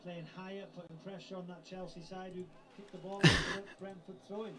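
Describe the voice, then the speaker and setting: A man giving measured, matter-of-fact television football analysis as a pundit. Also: high-pitched, little pitch movement, very noisy.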